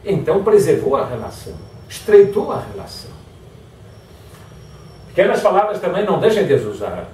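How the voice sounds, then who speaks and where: A man whose voice is high speaks at a moderate pace and pauses often as he delivers an animated motivational lecture. He acts out example phrases in various tones, captured from a distance in an echoey hall.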